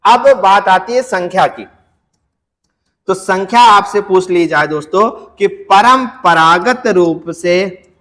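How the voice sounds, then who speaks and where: High-voiced male teacher in a reverberant room. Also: slow, a bit bright. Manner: repeats questions and answers them to students; stretches words out to demonstrate. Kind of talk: exam-prep lecture.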